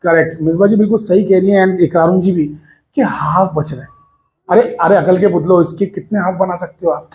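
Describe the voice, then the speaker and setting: A man teaching physics to a class of students, lively and coaxing, calling them to listen and asking if they follow. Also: sits high, fairly quick. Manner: lively, coaxing, addresses students as beta, mixes English phrases.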